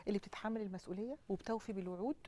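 This is an Egyptian woman appearing as a guest astrologer on a studio talk show. She talks at a very rapid clip and lays out her points confidently, one after another. Her pitch sits in the middle range. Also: dark tone. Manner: explains confidently in lists.

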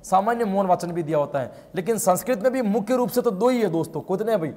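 A man teaching an exam coaching lesson, talking rapidly and emphatically, firing rhetorical questions and calling his students friends and brother. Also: sits high, animated, darkish tone, in a large hall. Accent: Rajasthani Hindi. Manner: addresses viewers as friends and brother.

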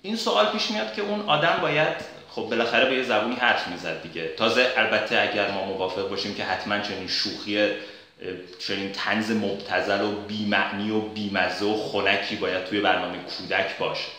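A man's voice: fairly low pitch, sharp tone. Argumentative man in an echoey room. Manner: argumentative, many pauses and filler sounds. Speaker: commentator. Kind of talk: spoken commentary in a discussion.

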